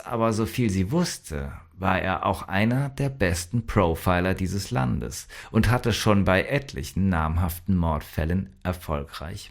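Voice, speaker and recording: A man reading a crime audiobook aloud in measured, even scripted narration. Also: low voice, vocal fry.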